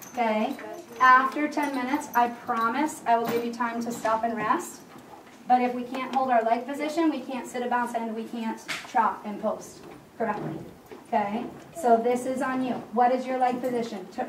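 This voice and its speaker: High-voiced woman calling brisk riding commands, echoey hall. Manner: firm, instructive, checks understanding with questions. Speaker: horse riding instructor. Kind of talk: live riding lesson coaching. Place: large echoey riding arena. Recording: echoey hall, distant mic, background noise.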